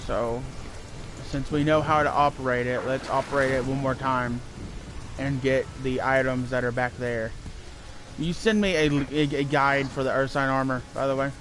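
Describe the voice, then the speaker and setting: A man's voice: mid-range voice, steady tone, normal speed. A man giving casual, off-the-cuff commentary while streaming a video game. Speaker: gameplay streamer. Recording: noisy, game sound behind.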